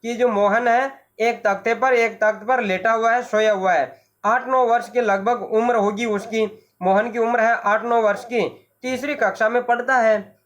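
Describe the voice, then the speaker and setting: A Hindi teacher explaining a school play, going slowly and repeating each point, pausing to give the meanings of words. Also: mid-range voice, fairly even intonation. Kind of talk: classroom lesson explanation.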